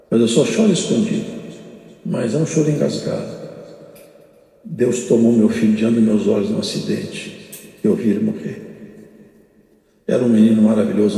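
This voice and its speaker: An older man with a Brazilian Portuguese accent preaching a sermon, emphatic and repetitive, with sudden rises and drawn-out phrases. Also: medium pitch, gravelly, warm tone. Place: large church hall. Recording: echoey church hall with long reverb.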